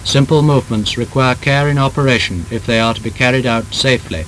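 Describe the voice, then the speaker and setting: A British narrator with a middle-of-the-range male pitch and a slightly bright tone delivers a vintage training film in formal, measured, emphatic phrasing, scripted like 1930s instruction. The low-quality recording carries a faint rumbling noise.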